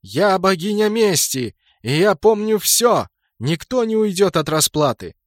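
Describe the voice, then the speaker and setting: A man voicing a vengeful goddess, a fierce and mocking woman who shouts her lines in a shrill, drawn-out way. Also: big pitch swings, dry recording, clean studio sound. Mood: furious.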